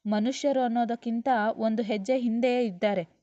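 A woman's voice: fairly high pitch, steady tone, a little fast, dark tone, no echo, lo-fi sound, natural voice. A woman voicing a proud, hurt young mother who argues with heat. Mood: angry.

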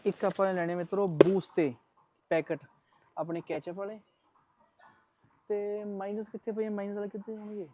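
A man's voice: high voice, flat delivery, normal speed, pauses often, dark tone, a little hiss or hum. A man with a Punjabi accent, chatting casually to his viewers as a vlogger. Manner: chatty, addresses viewers as friends. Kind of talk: casual vlog narration to viewers.

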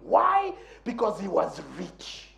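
A male guest preacher delivering a sermon in a church, playful and animated, acting out quotes with bursts of emphasis. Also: high-pitched, slow, vocal fry. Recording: echoey church sanctuary.

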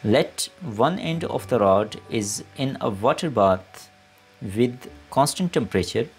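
Man, mid-pitched, creaky, deliberate dictating delivery, scripted lesson narration, faint background music. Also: lively intonation. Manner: deliberate, reading aloud in short phrases as if dictating. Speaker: maths lecturer.

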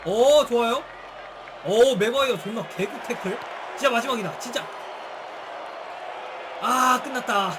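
A man giving excited live commentary on a football video game, with shouted bursts at big plays and casual slang. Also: extremely high pitch, measured pace, pauses often. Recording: stream with game music and crowd noise.

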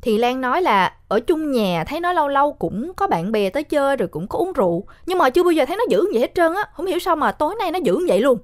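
A young woman with a high, sing-song voice talks fast with few pauses. She's recapping a horror film in a casual, chatty retelling, speaking straight to her listeners.

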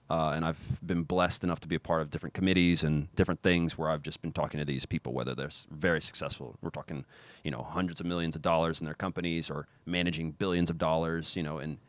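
A deep-voiced man with an American accent, from Kansas City, guests on a casual podcast interview as a pro soccer player, connected by video call. His boom-arm studio mic is close and dry, with no room sound, in a home room where football shirts line the wall. Upbeat and rambling, he speaks energetically with many fillers and restarts.

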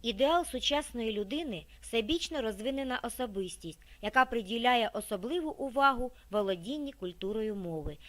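A woman narrating a scripted library video, reading in a measured, expressive way with careful pauses between listed words. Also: a little high.

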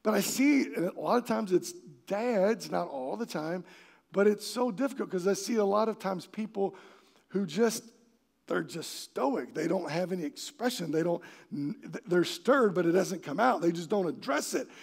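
A male pastor delivers a sermon in a church, his voice pitched high with a gravelly rasp. He preaches in an animated way, acting out the quoted voices and now and then shouting to drive a point home. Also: moderate pace. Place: church sanctuary.

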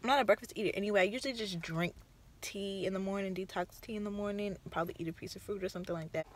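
A woman's voice: mid-range voice, rapid-fire, a little hiss or hum. A woman in her twenties chatting casually in a vlog, talking into a handheld phone in a car and then a home kitchen. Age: 20s. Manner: chatty, repeats "really, really good". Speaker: vlogger.

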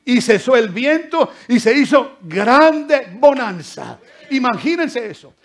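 Preaching a sermon in church, a pastor with a very high voice swings between loud exclamations and soft asides. He keeps addressing his listeners directly, calling them brothers.

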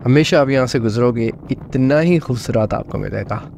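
This thirtysomething vlogger narrates his ride in an easygoing way, his voice creaky and his pace moderate, with English words sprinkled throughout. He's outdoors on a desert highway, recorded by a helmet or action-camera mic that picks up faint wind and engine noise.

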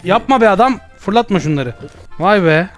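A young man giving jokey, excitable gameplay commentary with loud comic outbursts. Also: high-pitched, moderate pace. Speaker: gaming YouTuber. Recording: faint background music.

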